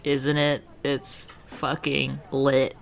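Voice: medium pitch, monotone, drawn-out words, vocal fry. A co-host playing a tabletop game, chatting casually, swearing freely and laughing often. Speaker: player and co-host.

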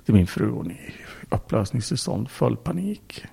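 A man's voice: on the low side, dark tone. A man, a podcast guest, telling a story in casual speech, bluntly, with swearing and acted-out quotes. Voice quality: gravelly, husky.

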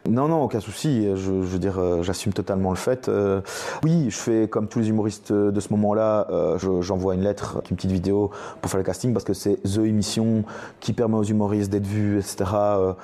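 A man's voice: on the low side, fairly even intonation, fairly quick, mellow. A young man, a stand-up comedian, telling a story in a casual podcast chat and acting out other people's lines as he goes.

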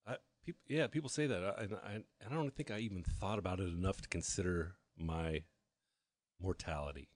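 A man in his fifties with a very low voice, recorded close and dry. He tells his story candidly in a halting way, often restarting with repeated words before he finds the thread. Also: no room sound. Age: 50s. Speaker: guest.

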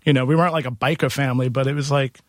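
A man's voice: mid-range voice, fairly even intonation, rapid-fire, no room sound, clean studio sound. Casual man telling stories. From Queens, New York. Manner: informal, conversational storyteller slipping into quoted dialogue. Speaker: bar and music venue owner, interview guest. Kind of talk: casual interview storytelling.

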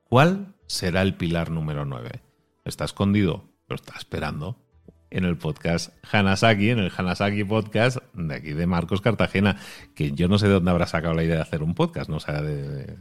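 A Spanish-accented man hosting a podcast, chatting in a casual, animated way. His voice sits fairly low, and soft music plays faintly behind him. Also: brisk. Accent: Spain Spanish. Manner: animated, uses Spanish exclamations like ostras and hostia. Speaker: podcast host. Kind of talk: casual interview chat.

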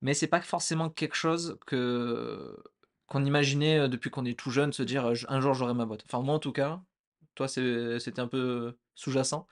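A young man co-hosting a podcast, chatting at an easy pace and feeling his way through each thought. He leans on fillers and restarts, and his voice sits at an ordinary middle pitch. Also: normal speed. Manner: relaxed, hesitant, many fillers. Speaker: podcast co-host. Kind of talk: casual chat.

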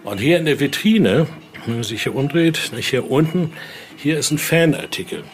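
This voodoo expert and museum guide talks at a normal speed in a voice on the high side, sounding animated as he leads an informal tour. He explains the exhibits in an indoor room, often adding short tag questions, while faint location noise sits in the background.

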